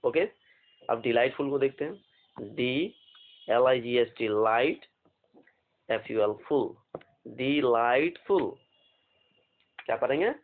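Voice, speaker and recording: A man teaching an exam vocabulary lesson, slowly spelling out words letter by letter and asking questions. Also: mid-range voice, a little hiss or hum. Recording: phone-like narrow band.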